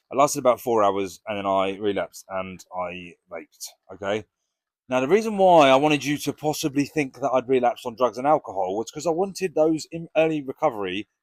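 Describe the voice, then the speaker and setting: A man's voice: medium pitch, no echo. A British man talking casually and frankly to camera as a vlogger, with plenty of swearing. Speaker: recovery vlogger.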